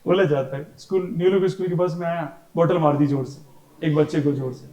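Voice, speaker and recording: Male science teacher in a classroom, kinda high voice, echoey room, chatty and teasing. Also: steady tone, a little fast, mellow. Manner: chatty, teasing, tells stories and mimics family members. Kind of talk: classroom lecture.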